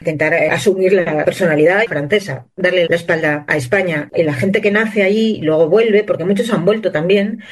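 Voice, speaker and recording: High-voiced man, earnest guest. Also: brisk, hardly any pauses. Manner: earnest, fluent, steady explaining. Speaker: journalist and author guest. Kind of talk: interview answers.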